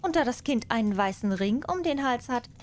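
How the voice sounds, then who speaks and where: A woman's voice: fairly high pitch, expressive, a little fast, pitched above the performer's own voice, natural voice. A woman voicing a sly, greedy female cat in a fairy tale, with a curt, brazen manner. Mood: wheedling.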